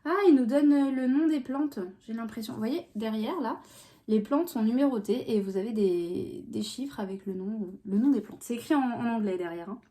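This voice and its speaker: A woman's voice: fairly high pitch, moderate pace, mellow. A woman talking casually in a vlog, chatty and rambling, with many fillers and restarts. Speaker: vlogger.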